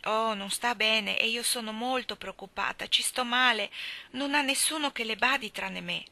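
A woman's voice: fairly high pitch, normal speed, gravelly, bright, forceful tone. A woman voicing an anxious, devoted young maid girl, speaking earnestly and in a worried rush.

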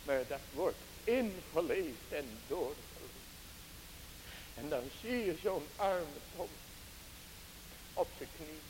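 A man preaching a sermon, slow and emphatic, drawing out his exclamations and speaking straight to the congregation. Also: on the high side, lively intonation. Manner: addresses the congregation directly. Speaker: pastor. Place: church. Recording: hissy 1980s church tape with long reverb.

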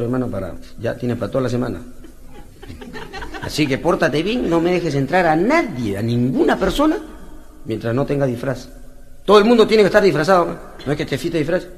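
A man's voice: mid-range voice, fairly quick. Man, Peruvian accent, comedian, slangy joke teller, chuckles along, noisy clicky recording. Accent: Peruvian Spanish. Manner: animated, slangy, laughing at his own jokes. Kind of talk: stand-up joke telling.

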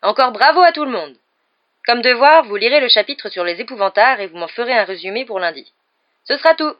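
A woman's voice: lowish voice, animated, fast. A woman reading aloud voices a cheerful, encouraging male magic teacher who praises his class in a raised, carrying voice, on a muffled lo-fi recording. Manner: bright, praising, classroom-loud.

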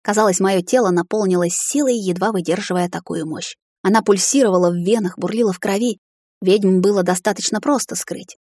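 A woman narrating a fantasy audiobook in the first person, in a middle-pitched voice. The reading is steady and dramatic. The sound is dry and close, with no room in it. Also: no room sound.

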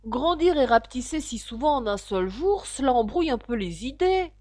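A woman's voice: high-pitched, animated, moderate pace, darkish tone, no room sound, clean studio sound, pitched above the performer's own voice. A woman voicing a polite, earnest and slightly confused young girl in a storybook. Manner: polite, earnest, a little flustered.

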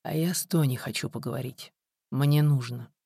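The narrator voicing a heavy older woman, a stern mother who speaks low, quiet and firm. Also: normal speed, slightly rough, dry recording, clean studio sound, full character voice. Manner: low hushed firm speech.

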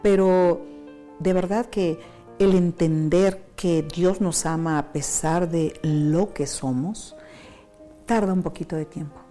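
A woman's voice: fairly low pitch, slow, soft background music. A woman with a Mexican accent telling her personal faith testimony, acting out remembered dialogue. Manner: animated, acts out remembered dialogue. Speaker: interviewee giving testimony.

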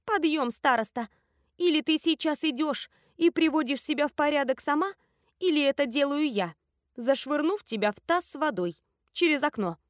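A woman voicing a small, bossy, sharp-tongued young sorceress who scolds bluntly. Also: sits high, expressive, moderate pace, dry recording, clean studio sound, voice pushed up. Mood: scolding. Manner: blunt, scolding, matter-of-fact.

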